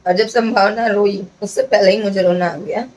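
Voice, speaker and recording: A woman's voice: mid-range voice, steady tone, moderate pace, darkish tone. A young woman, chatting emotionally and directly to her viewers in a casual home vlog, filmed on a phone camera indoors. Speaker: vlogger.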